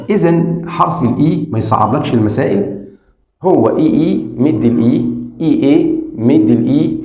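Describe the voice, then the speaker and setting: A man with an Egyptian Arabic accent teaches English phonics to beginners, repeating sounds slowly and talking straight to the viewer. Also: fairly high pitch, dark tone, roomy sound. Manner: drills sounds slowly and repeats them, addresses the viewer directly.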